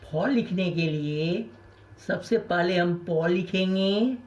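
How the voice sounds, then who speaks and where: Man, school teacher, deliberate letter-by-letter drilling, unhurried pace, dull lo-fi recording. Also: high-pitched. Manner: deliberate, says each letter twice for pupils to copy. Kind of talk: recorded primary school language lesson.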